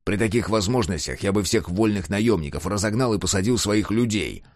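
A man's voice: on the low side, brisk, darkish tone, no echo, clean studio sound, natural voice. A man voicing a brutal, short-tempered male mercenary, cold and menacing in an audiobook.

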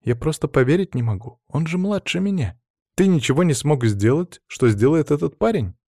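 A man's voice: fairly high pitch, expressive, normal speed, darkish tone, breathy edge, no echo, studio quality, pitched above the performer's own voice. A man voicing a young woman, a clan granddaughter who talks in a grumbling, reproachful way. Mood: earnest.

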